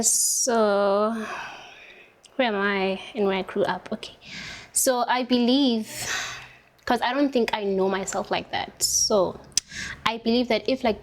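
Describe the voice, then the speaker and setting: A young South African woman with a matching accent chats casually as she does her makeup. Her mid-range voice is peppered with "like" and stretched-out words.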